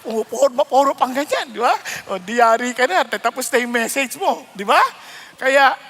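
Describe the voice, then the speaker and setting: A middle-aged male pastor preaching a lively sermon, laughing often and mixing English phrases into his talk. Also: very high-pitched, normal speed, big-room sound.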